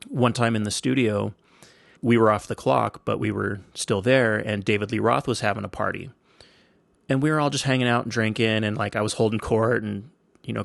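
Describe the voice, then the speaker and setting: A man's voice: on the low side, gravelly, no room sound, clean studio sound. A man in his forties hosting a podcast, telling casual stories in a laid-back, slangy, rambling way. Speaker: podcast host. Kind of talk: casual storytelling monologue.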